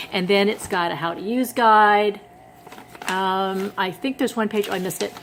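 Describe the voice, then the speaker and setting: A chatty woman demonstrating a kitchen gadget, speaking at a middle pitch and talking into a handheld camera. She is enthusiastic and pokes fun at herself. A faint hiss of noise sits behind her voice. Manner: chatty, enthusiastic, self-mocking. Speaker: product reviewer. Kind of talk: casual demo talk to camera. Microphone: handheld camera mic.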